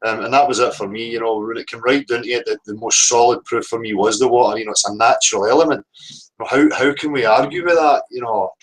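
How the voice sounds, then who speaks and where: A man's voice: mid-range voice, fast, poor audio. A man, talking emphatically on a video call and repeating points for stress. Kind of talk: casual discussion on a video call.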